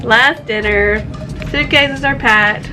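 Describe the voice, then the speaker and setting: A woman's voice: on the high side, takes it slowly, over music. A woman chatting casually to the camera as a travel vlogger.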